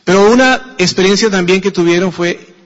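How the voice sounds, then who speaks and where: A man preaching a sermon in a Colombian Spanish accent, slow and deliberate, asking his listeners questions as he reads. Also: sits high, fairly bright tone, big-room sound, lo-fi sound. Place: church sanctuary.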